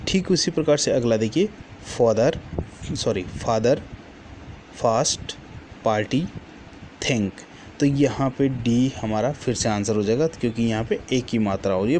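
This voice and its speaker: A man's voice: medium pitch, a little mellow, slight background noise. A male teacher giving a classroom lesson, patiently repeating each word list and correcting himself as he goes. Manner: corrects himself mid-sentence.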